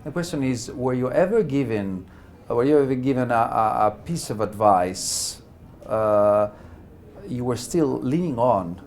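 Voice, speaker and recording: A man interviewing a filmmaker, asking his questions hesitantly with many pauses and restarts. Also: mid-range voice, lively intonation, a little mellow, a little hiss or hum.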